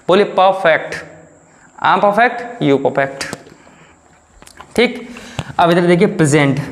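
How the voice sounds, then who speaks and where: A man teaching English grammar in a video lesson, repeating points and quizzing his viewers. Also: fairly high pitch. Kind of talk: classroom-style video lesson.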